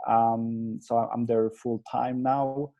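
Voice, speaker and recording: In a conversational interview, this agency founder, a man in his thirties from Poland with a Polish accent, talks earnestly and hesitantly about his career, often restarting. He speaks slowly at a medium pitch in a level, mellow tone with vocal fry, and the sound is lo-fi.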